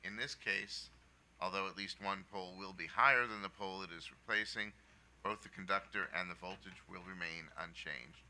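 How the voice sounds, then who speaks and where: Male staff counsel, low and very bright, formal scripted briefing, faint noise behind. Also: moderate pace. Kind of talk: formal prepared presentation to a commission.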